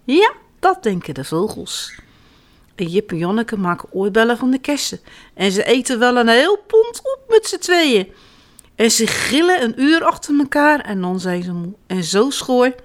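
A woman reading a children's story aloud in an animated, expressive way. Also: fairly high pitch, normal speed.

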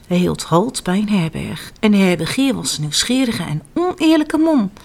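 A woman telling children's stories aloud in an animated, expressive way. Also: mid-range voice, moderate pace, creaky. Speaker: storyteller.

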